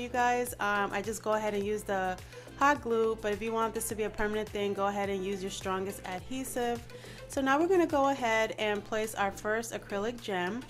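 A DIY channel host with a medium-pitched voice, nasal from allergies, chats her way through a step-by-step craft tutorial. She frequently addresses her viewers as "you guys."

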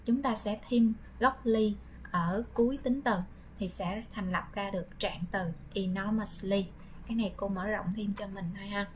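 A woman with a Vietnamese accent teaching English vocabulary, drilling each word slowly and explaining in Vietnamese. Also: mid-range voice, a little mellow, a little hiss or hum, rough recording. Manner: slow, drilled pronunciation with repeated words.

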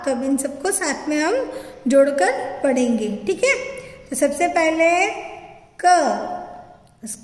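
A woman teacher giving a slow phonics lesson, spelling out syllables one at a time and repeating words for students to say back. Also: high-pitched, expressive, darkish tone. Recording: echoey room with long reverb.

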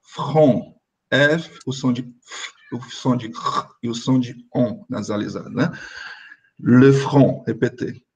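A man's voice: mid-range voice, measured pace, creaky, a bit bright, slightly rough. A man teaching French online over a video call, explaining step by step and having his students repeat after him.

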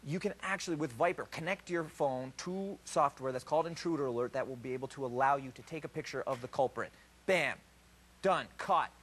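A young man presenting like a home shopping host, chatty, animated and rambling as he goes. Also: mid-range voice, fairly quick, breathy edge. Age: young adult. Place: television studio set.

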